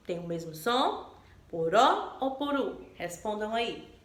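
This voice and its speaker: A woman teacher from Brazil explaining a textbook lesson to children slowly and patiently, often asking them questions. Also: medium pitch, animated, reverberant. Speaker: primary school teacher. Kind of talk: remote class lesson explanation.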